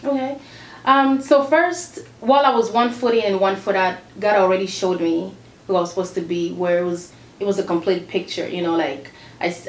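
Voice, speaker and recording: Earnest woman guest in an echoey room. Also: on the low side. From Congo DR, raised in Zambia. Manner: earnest, laughs often, repeats herself. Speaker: gospel singer, guest. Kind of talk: casual interview. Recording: echoey room with faint noise.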